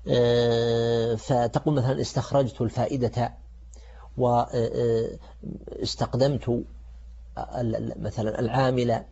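A man teaching Quranic grammar in formal Standard Arabic as a programme's religious teacher, in a halting way that repeats words as he explains. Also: medium pitch, little pitch movement, vocal fry, dark tone, husky. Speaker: religious teacher presenting a show. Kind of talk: Quranic grammar lesson, semi-improvised lecture. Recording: dull, muffled lo-fi audio.

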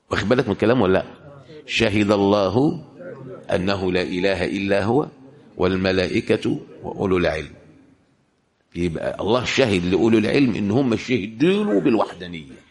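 Egyptian guy preaching, lowish voice, keeps asking the crowd questions and slows down for the verses. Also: gravelly. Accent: Egyptian Arabic. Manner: rhetorical questions, shifts into slow Quran recitation. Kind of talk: Egyptian Arabic religious lecture.

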